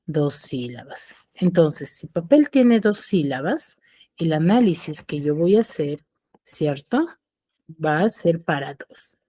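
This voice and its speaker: Woman teacher, slow and patient, quizzes and answers herself, lively up-and-down pitch, dry close sound. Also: slightly rough, dry recording. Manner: slow, patient, asks and answers her own questions; pitch rises on questions, drops low at ends of phrases. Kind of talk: recorded online class.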